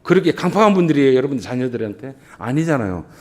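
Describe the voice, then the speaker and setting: A man's voice: very animated, fast talker. A middle-aged male pastor preaching a sermon in a church, emphatic and full of rhetorical questions. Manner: emphatic preaching with big swings in pitch and volume. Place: church sanctuary.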